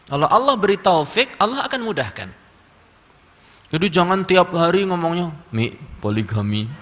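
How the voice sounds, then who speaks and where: Humorous preacher. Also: male voice, high-pitched, normal speed, fairly bright tone. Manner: humorous storytelling with acted quotes. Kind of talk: religious lecture. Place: mosque hall. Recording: long hall reverb.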